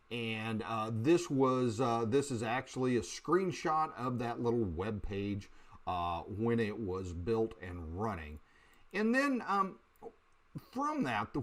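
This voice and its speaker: Male programming teacher, halting delivery full of fillers, lively up-and-down pitch. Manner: halting, many uh and um fillers, restarts. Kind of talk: screen-recorded coding lesson.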